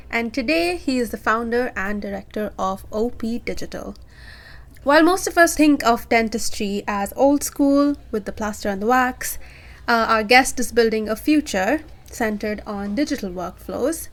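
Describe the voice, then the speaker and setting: A woman co-hosting a podcast, reading a polished guest introduction. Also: a little high. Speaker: podcast co-host.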